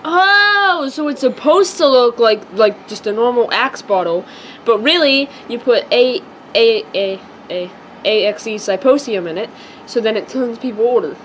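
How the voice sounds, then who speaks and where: A girl playing a rambling excited kid brother. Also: on the high side, moderate pace, a little hiss or hum, rough recording. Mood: chatty. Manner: rambling, full of "like" and restarts.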